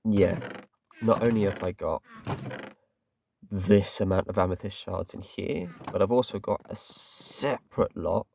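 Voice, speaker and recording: Deep and creaky, this English man's voice is unhurried as he chats ramblingly through his game for his gaming channel. Self-deprecating and casual, he leans on fillers like "kinda," and he's far from the mic with background noise present.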